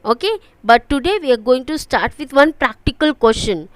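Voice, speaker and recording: A woman's voice: high voice, animated, normal speed, dry recording, low-quality recording. Woman teaching an online class. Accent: Indian English. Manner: explanatory, frequent "okay" and "right?" checks. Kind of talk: online lecture.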